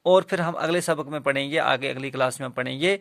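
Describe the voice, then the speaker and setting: Gravelly-voiced man teaching children. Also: mid-range voice, a bit bright, dry recording, studio quality. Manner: slow letter-by-letter spelling out of words; patient, repetitive teaching voice. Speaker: primary school teacher. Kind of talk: recorded Urdu reading lesson for children.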